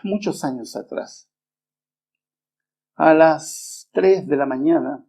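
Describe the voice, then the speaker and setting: A middle-aged man preaching a sermon, earnest and unhurried, often pausing with small hesitations as he tells a personal story. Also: on the high side, gravelly, mellow. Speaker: preacher and Bible teacher. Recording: dull lo-fi remastered recording.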